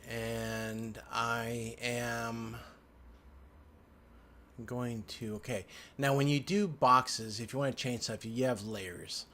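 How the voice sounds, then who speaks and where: Slow and steady, with a sharp tone, a mid-range male voice guides a casual, unscripted screen-recorded computer tutorial. The instructor murmurs to himself and thinks aloud indoors at his desk, and keyboard typing and mouse clicks come through as background noise.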